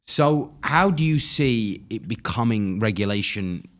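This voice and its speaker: A man's voice: on the low side, lively intonation, measured pace. A British man hosting a podcast interview, eagerly agreeing and asking leading questions. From Britain. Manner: eager, affirms often, asks leading questions. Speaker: podcast host.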